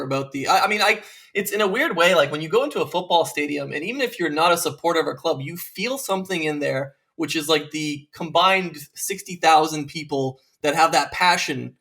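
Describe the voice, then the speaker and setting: A man from Serbia hosts a podcast in a casual conversational interview, speaking earnestly and thoughtfully with many fillers. His voice is bright and forceful, on the high side.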